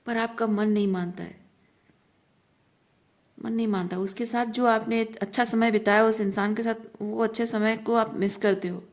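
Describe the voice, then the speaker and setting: A tarot reader reads cards for the viewer, earnest and repetitive, repeating phrases for emphasis and mixing English words into her Hindi. Her voice is on the high side, with a steady tone and moderate pace.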